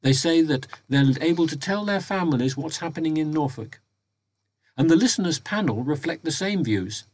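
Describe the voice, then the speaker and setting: A man reads a prepared report in a measured, formal way, recording at home inside a wardrobe. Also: on the high side, expressive, a little mellow. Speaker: volunteer reporting to members of a local talking newspaper. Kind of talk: prepared spoken annual report, read aloud. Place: home recording inside a wardrobe, close and muffled by soft surroundings.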